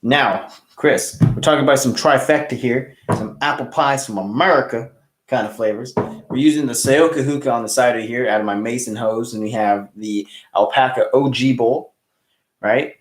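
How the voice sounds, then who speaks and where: A man's voice: medium pitch, normal speed, echoey room. A man hosting a casual hookah review livestream, chatting loosely and greeting viewers by name. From California.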